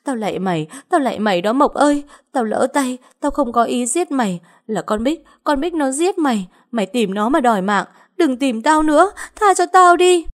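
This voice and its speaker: A woman's voice: high-pitched, lively intonation, normal speed, few pauses, pitched above the performer's own voice. A woman voicing a terrified, guilt-ridden woman begging a ghost for mercy, in a panicked, shrieking, pleading manner.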